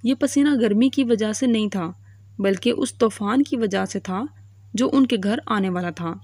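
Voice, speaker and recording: A woman reading a novel aloud as narrator, in steady storytelling. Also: medium pitch, dry recording.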